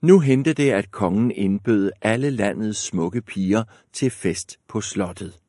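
A man narrating a fairy tale aloud in a calm, measured storytelling manner. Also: on the low side, dry recording, clean studio sound.

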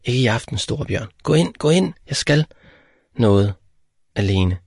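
A man's voice: mid-range voice, lively intonation, vocal fry, darkish tone, breathy edge, no room sound, clean studio sound. A man reading an audiobook, voicing a teasing, bossy young girl in a raised voice. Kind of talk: audiobook character voice.

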